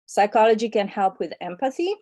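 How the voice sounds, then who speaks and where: A woman's voice: medium pitch, big pitch swings, brisk, mellow, dry recording. A woman from Italy with an Italian accent, giving an enthusiastic online presentation over a video call and chatting her way through it with fillers. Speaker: guest speaker.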